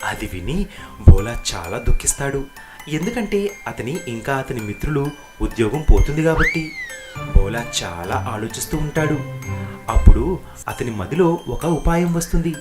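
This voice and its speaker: An animated storyteller reads scripted moral tales for children in storybook fashion, at a moderate pace. The pitch rises and falls, and faint music plays underneath.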